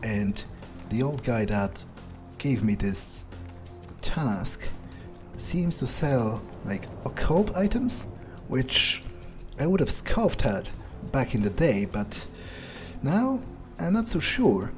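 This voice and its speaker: Playing a sardonic vampire, this man ad-libs a gameplay monologue in a mid-range voice that swings widely in pitch and moves slowly. Soft music plays behind him as he muses hesitantly and casually, his humor dry and morbid, a let's player fully in character.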